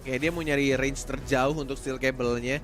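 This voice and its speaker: A man's voice: medium pitch, steady tone, moderate pace. A man giving conversational, analytical live game commentary as a match announcer. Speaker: esports shoutcaster, analyst. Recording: music behind the voice. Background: music.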